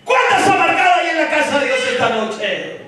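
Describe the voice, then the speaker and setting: A man from El Salvador preaching a fiery sermon as pastor, shouting and calling on the congregation to answer. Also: very high-pitched, sing-song, normal speed, distant mic. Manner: preaches with shouted calls and call-and-response. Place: large church hall. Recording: echoey hall, mic from afar, congregation.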